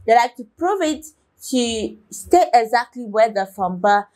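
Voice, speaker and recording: A woman's voice: fairly high pitch, animated, measured pace, darkish tone. A young woman hosting a reaction video, talking to viewers in a casual, rambling way with many restarts and fillers. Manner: talks straight to viewers, asking their opinion.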